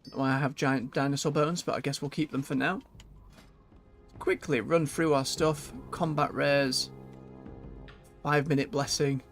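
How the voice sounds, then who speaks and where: A man's voice: a little high, fairly even intonation, normal speed, pauses often, faint music behind. A man giving casual gameplay commentary as a streamer, chatty and muttering to himself as he goes. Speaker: video game streamer.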